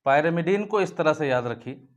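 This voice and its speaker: A man's voice: fairly high pitch, animated, unhurried. A man teaching a biology class, asking his own questions and answering them, and often calling the students "beta". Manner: repeats key points as questions and answers them; addresses students fondly as "beta". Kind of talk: whiteboard lecture for school students.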